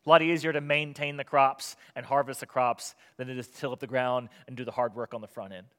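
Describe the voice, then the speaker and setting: A man's voice: medium pitch, fairly even intonation, fast, a bit bright. Male pastor, earnest sermon delivery with sarcastic asides, mid-range voice, long church reverb. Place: church hall.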